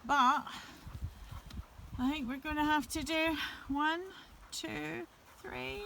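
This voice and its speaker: A woman chatting gently to her viewers while walking her dogs outdoors through woods by a river. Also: sits high, fairly even intonation, takes it slowly, slight background noise. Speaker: vlogger. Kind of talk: casual walking vlog narration.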